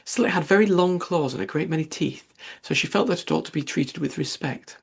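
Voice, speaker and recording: A man narrating a classic children's story as an audiobook reader, in an expressive storybook manner. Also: a little high, brisk, vocal fry, slightly rough. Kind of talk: scripted narration.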